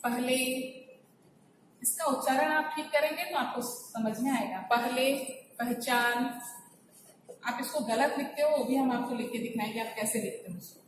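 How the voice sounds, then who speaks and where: A woman with a slightly high voice teaches a pronunciation lesson, going through it step by step and answering her own questions. She is recorded from some distance away in a very echoey room. A faint hiss sits under her voice. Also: a little fast, few pauses. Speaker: Hindi teacher.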